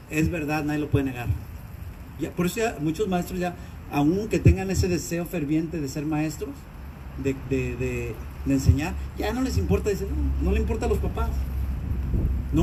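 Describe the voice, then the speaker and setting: A pastor preaching a sermon with animated delivery, acting out cries and voices of the people he describes. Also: high voice. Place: church. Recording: distant mic with clear background noise.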